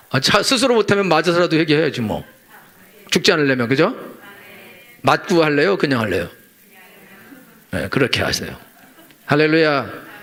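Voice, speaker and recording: A man's voice: a little high, a bit bright. A middle-aged male pastor giving a Sunday sermon, blunt and colloquial, acting out little dialogues. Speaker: senior pastor.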